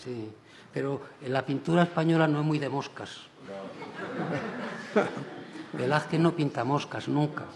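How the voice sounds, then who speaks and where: A man's voice: on the high side, vocal fry. Older guy on a panel, laughs a lot, keeps restarting sentences, faint hiss behind. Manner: chuckling, halting, restarts phrases. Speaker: painter on a panel. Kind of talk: panel discussion. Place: large auditorium stage.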